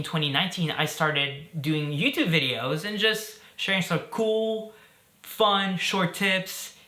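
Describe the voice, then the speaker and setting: Here a thirtysomething man from Belgium chats to camera as host, cheerful and full of fillers and jokes. The voice is on the high side, pushed and bright, with a roomy sound.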